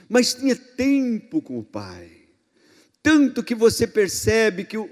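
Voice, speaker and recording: Emphatic Brazilian pastor in echoing hall. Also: male voice, high-pitched. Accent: Brazilian Portuguese. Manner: emphatic, swinging between loud and hushed. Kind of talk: sermon. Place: church hall. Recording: long reverb in a church hall.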